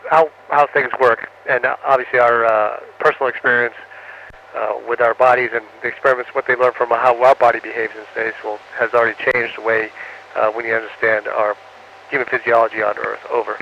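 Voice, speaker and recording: A man's voice: mid-range voice, level tone, vocal fry, bright, forceful tone, a little hiss or hum. Man on a muffled, breaking-up space radio link. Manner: halting, with frequent "uh" fillers. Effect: radio downlink from space, muffled and breaking up. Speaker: astronaut answering students. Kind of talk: radio Q&A, ending each answer with "over". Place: on board the space station.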